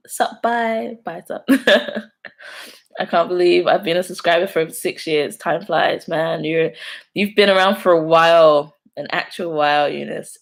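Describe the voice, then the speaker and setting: This YouTuber, a young woman from London, has a low, creaky voice and a London accent. Hosting a live stream, she chats casually and laughs a lot while reading out viewer comments and responding to them.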